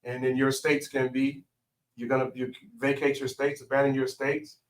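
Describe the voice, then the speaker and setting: A man's voice: medium pitch, monotone, brisk, distant mic, low-quality recording. A man speaking as a guest in a studio interview, lecturing emphatically and spelling out words.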